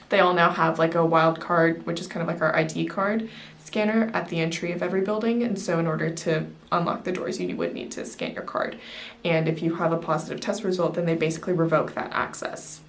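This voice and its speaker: Young woman doing a casual student vlog, kinda low voice, rambly explaining w lots of likes and ums. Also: creaky. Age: early 20s. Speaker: student vlogger. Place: small music practice room, indoors.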